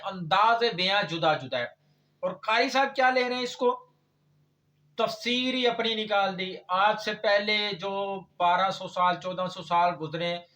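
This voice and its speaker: A man's voice: high voice, pushed and bright, distant mic. A man preaching an Islamic lecture, arguing against another scholar's reading with rhetorical questions and reciting verses. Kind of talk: religious lecture with Quran recitation.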